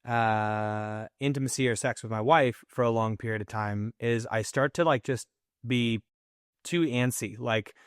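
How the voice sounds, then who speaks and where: A man's voice: medium pitch, measured pace, clean tone, no room sound, studio quality. A man co-hosting a podcast in casual conversation, telling personal stories candidly and acting out his own inner voice. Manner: candid, animated storytelling with mimicked inner voices. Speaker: podcast co-host.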